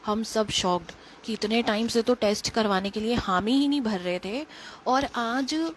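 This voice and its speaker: A woman with a Delhi accent telling an emotional personal story in quick, earnest casual speech, recorded on a phone. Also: a little high, slight background noise. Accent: Delhi Hindi. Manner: earnest, emotional, quick retelling with quoted dialogue. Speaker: devotee sharing a testimony.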